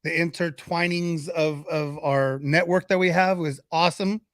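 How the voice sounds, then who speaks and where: A man's voice: fairly high pitch, fairly even intonation, normal speed, a bit bright, no room sound, studio quality. A man hosting a casual veterans podcast, joking around and often restarting his sentences. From Central Valley, California. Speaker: podcast host.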